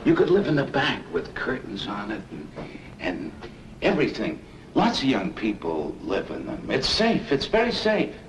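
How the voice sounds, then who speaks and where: A middle-aged actor playing a firm, lecturing husband who turns fretful when pressed, in hissy 1970s TV film audio. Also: male voice, mid-range voice, huge pitch swings, moderate pace. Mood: stern. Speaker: homeowner and husband.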